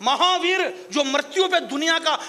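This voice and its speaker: A man's voice: very high voice, lively intonation, a little slow, sharp tone. A man from Rajasthan, a comic poet joking with a live audience from the stage and then declaiming verse. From Marwar, Rajasthan. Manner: jokey banter with the audience, rising into declaiming verse. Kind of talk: live stand-up poetry recital.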